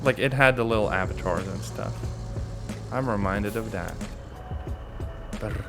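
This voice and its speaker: A man's voice: lowish voice, a little slow. A man streaming a game, thinking aloud in casual commentary with mild grumbles, game music playing behind. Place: home streaming setup.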